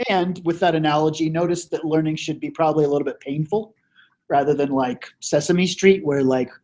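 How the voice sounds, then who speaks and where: A male teacher who is losing his voice, leading a casual classroom review with lots of fillers and throat clearing. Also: fairly high pitch, fairly even intonation, fairly quick, darkish tone.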